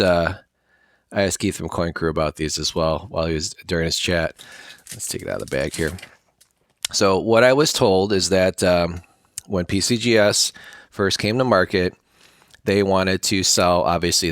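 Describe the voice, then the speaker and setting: Low-voiced male vlogger, loose and rambling unboxing talk, dry close mic. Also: a bit bright, no room sound. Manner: rambling, chatty, thinks aloud with many fillers. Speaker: coin collecting vlogger. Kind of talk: casual unboxing talk to camera.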